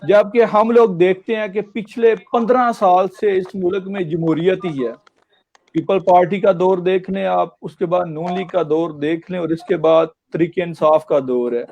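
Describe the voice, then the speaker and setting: A man's voice: sits high, fairly even intonation, moderate pace, gravelly. A man hosting a talk show, asking a guest long formal questions over a call while his voice keeps cutting out on a bad connection. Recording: muffled lo-fi call audio with faint hiss.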